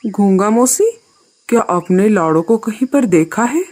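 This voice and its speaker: A man's voice: high voice, expressive, a little slow, darkish tone. Kalu, a man voicing a caring male crow. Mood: concerned. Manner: urgent, caring. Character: kind male crow, helpful uncle to the chick.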